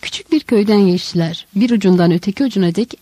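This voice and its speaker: A woman narrating a literary novel in a measured, dramatic audiobook reading. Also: mid-range voice, warm tone, slight background noise, rough recording.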